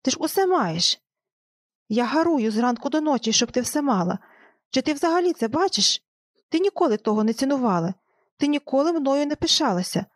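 A woman's voice: mid-range voice, expressive, a little slow, pauses often, darkish tone, husky, no echo, clean studio sound. A woman reading the lines of an overworked husband in an audiobook, with a rising, pleading delivery.

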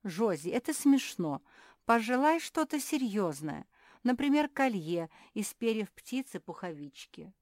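A woman's voice: medium pitch, big pitch swings, measured pace, darkish tone, no echo, studio quality, pitched above the performer's own voice. A woman voicing a bossy older pug sister who lectures and reproaches in a know-it-all way. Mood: lecturing.

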